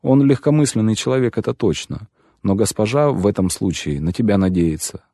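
A man's voice: on the low side, lively intonation, fairly quick, warm tone, no echo, clean studio sound. A man voicing an impatient middle-aged butler who scolds and gives orders, in an audiobook reading. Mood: stern. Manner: brusque, scolding, commanding.

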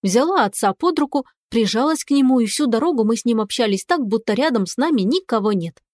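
A woman reading a fantasy novel in the first person with expressive, lively storytelling. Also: a little high, fast talker, dry recording, studio quality. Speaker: audiobook narrator. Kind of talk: scripted first-person narration.

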